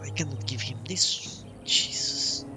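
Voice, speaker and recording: Over game music, a male game streamer casually comments on his live play, thinking out loud in clipped phrases. His pitch is medium and his pace unhurried.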